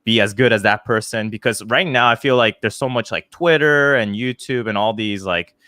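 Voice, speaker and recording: A man's voice: lowish voice, normal speed, pushed and bright, dry recording, studio quality. A man hosting a casual interview, asking curious questions with lots of "like" fillers. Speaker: podcast host.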